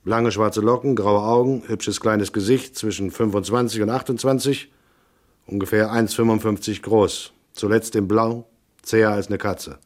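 In a noir radio drama, an actor serves as narrator and lead, playing a cool, tough private detective who is laconic, terse, dry and matter-of-fact. His voice is on the low side and close to an everyday voice, with a steady tone and moderate pace.

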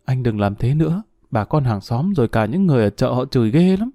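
A man's voice: mid-range voice, big pitch swings, fairly quick, mellow, dry recording, studio quality. A man voicing a worried young wife who pleads earnestly with her husband. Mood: pleading.

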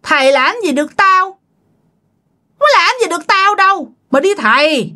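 A woman's voice: very high voice, expressive, normal speed, sharp tone, pitched above the performer's own voice, full character voice. A woman voicing a vengeful, jealous old woman ghost possessing a man, taunting and menacing.

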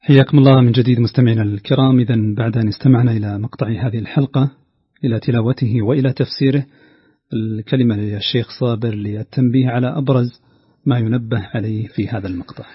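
Brief: male host, quick polite broadcast delivery, husky, dry lo-fi sound. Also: mid-range voice, steady tone, no room sound. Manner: brisk and polite, addressing listeners. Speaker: program host. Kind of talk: formal broadcast hosting. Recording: dry, dull lo-fi studio sound.

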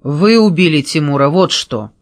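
Detective role done by the reader: a pushy, sharp-witted man who grills a suspect with sarcasm, in a dry, slightly high voice. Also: lively intonation, normal speed, dry recording, natural voice. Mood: pressing. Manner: pressing, sarcastic interrogating.

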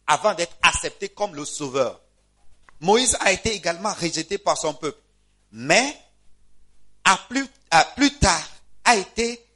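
Male pastor, sermon delivery, high and bright tone, emphatic, jumps between loud cries and quiet asides. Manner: calls out to the congregation. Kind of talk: church sermon. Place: church.

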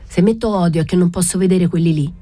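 A woman's voice: on the low side, quick pace, dark tone, soft background music, pitched above the performer's own voice, close to an everyday voice. A woman reading as Colangelo, a bitter grumbling fisherman. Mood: resentful. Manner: bitter, muttering curses. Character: grumbling hot-tempered male fisherman who hates the Spanish. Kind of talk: audiobook reading.

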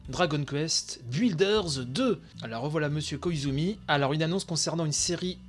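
Tired guy doing live reaction on a games stream, kinda high voice, excitable, lots of euhs, faint music behind. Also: normal speed. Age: adult with young son. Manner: excitable, chatty, many fillers. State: very tired, late at night. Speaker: video game channel host.

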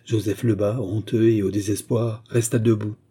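A man narrating a classic novel as an audiobook reader, measured and literary. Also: lowish voice, fairly even intonation, mellow, husky. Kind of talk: scripted narration.

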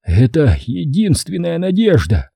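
A dying hunter father speaks slow, breathless, solemn words, as a man reading a storybook puts him on. His voice is very dark and husky, with a close, dry sound. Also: on the high side, wildly swooping pitch, no echo, pitched above the performer's own voice, full character voice. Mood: weak solemn. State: short of breath.

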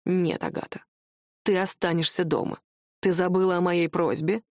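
A woman reading an audiobook voices a restrained, tender male wizard husband, speaking low and calmly. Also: normal speed, no echo, clean studio sound, close to an everyday voice. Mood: firm. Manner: calm, low, quietly sorrowful.

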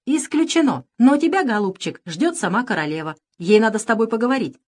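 A woman voicing a jolly male pirate in an audiobook, brisk and commanding. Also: on the high side, lively intonation, a little mellow, voice pushed up. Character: cheerful, bossy male pirate. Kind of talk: audiobook character reading.

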